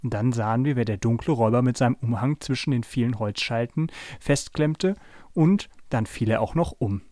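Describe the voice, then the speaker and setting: A man reading a children's story aloud in a calm, steady way, then chatting as podcast host. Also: medium pitch, normal speed, no echo, clean studio sound.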